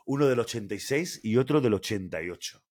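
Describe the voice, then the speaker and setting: Lower-voiced Spanish man hosting a quiz. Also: expressive, quick pace, darkish tone. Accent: Spanish from Spain. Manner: playful, teasing, reads ad copy aloud. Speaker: podcast co-host running a quiz. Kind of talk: casual podcast chat.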